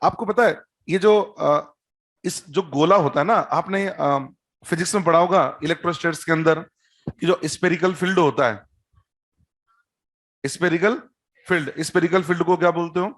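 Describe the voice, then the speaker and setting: A man gives a chemistry lesson in a fairly high voice. He builds each point slowly, repeats key words and fires quick questions at his students. Now and then he drops a teasing joke. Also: fairly bright tone. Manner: explains step by step, repeats key terms, quizzes students; teasing, joking asides. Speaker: chemistry teacher. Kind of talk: classroom-style lecture at a board.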